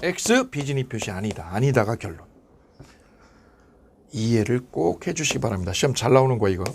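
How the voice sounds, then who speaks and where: Animated male exam-prep lecturer. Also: medium pitch, normal speed, creaky, slight background noise. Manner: animated, asks and answers his own questions.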